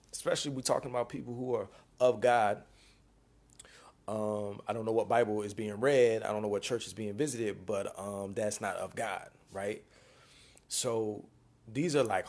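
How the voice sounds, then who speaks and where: A man reading viewer questions and answering them on a live stream, speaking in a laid-back, slangy way. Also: fairly low pitch. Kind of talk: casual live-stream chat.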